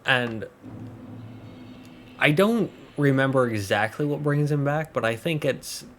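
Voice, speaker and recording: Here a man in a mid-range voice jokes his way through a game, his chatty commentary full of lively intonation. He speaks a little slowly, and a faint hiss or hum sits underneath.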